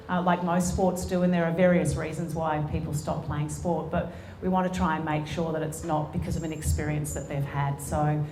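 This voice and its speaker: Low-voiced Australian woman on a stage. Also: noisy background. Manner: earnest, with frequent ums and restarts. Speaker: sports executive and guest speaker. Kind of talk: on-stage conversation. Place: conference room before an audience. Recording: echoey event room.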